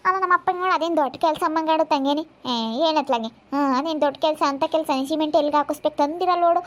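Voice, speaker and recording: A woman chatting in a family vlog, brisk and reassuring. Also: high-pitched. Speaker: family vlogger. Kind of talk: casual family chat.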